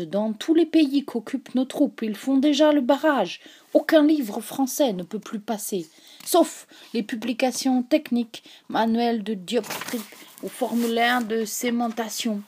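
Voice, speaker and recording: A woman's voice: a little high, slightly rough, full character voice. A woman reading aloud, voicing a despairing German officer who breaks into anguished cries. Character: anguished German officer, man, middle-aged.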